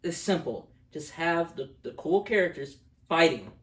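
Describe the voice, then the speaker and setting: A young man co-hosting a movie review show talks in a casual, profane way, blunt, opinionated and joking. His voice is fairly high with lively intonation at a normal speed. He sounds distant from the mic, with a roomy echo.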